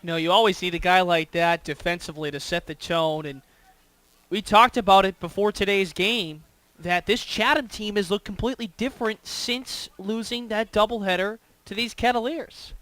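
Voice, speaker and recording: A man's voice: high-pitched, steady tone, normal speed, a bit bright, dry recording. A man giving live sports commentary as a baseball color commentator and scoreboard reporter.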